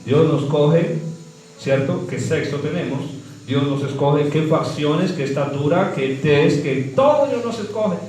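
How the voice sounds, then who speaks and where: A man's voice: a little high, expressive, measured pace, a little mellow, slight background noise. A man preaching a sermon, quizzing the congregation with call-and-response questions and swooping emphasis. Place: church hall. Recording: echoey hall from far off, faint music.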